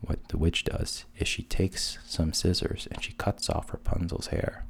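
A man retelling fairy tales in a hushed, half-whispered narration, with wry deadpan asides. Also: sits low, a little slow, creaky, a little hiss or hum. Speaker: storyteller.

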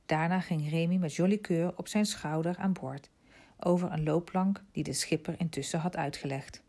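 A woman narrating a storybook aloud in a calm, soft-spoken way. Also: fairly low pitch, moderate pace.

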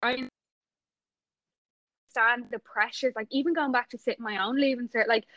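A woman's voice: on the high side, fairly even intonation, normal speed, sharp tone, no echo, highs cut off. A young Irish woman in her twenties hosting a podcast interview in casual, agreeable chat. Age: 20s. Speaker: podcast host. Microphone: remote call audio.

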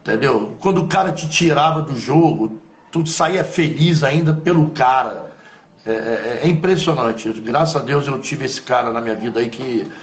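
A man with a Carioca accent, a former footballer, telling stories from his past in an interview, in an animated, slangy way full of asides. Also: medium pitch, moderate pace. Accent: Carioca Brazilian Portuguese. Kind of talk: conversational storytelling interview. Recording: roomy echo.

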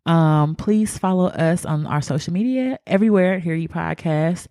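A woman's voice: on the low side, normal speed, dark tone, dry recording, studio quality. A woman co-hosting a podcast in casual chat, talking loosely with slang and laughing often. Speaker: podcast co-host.

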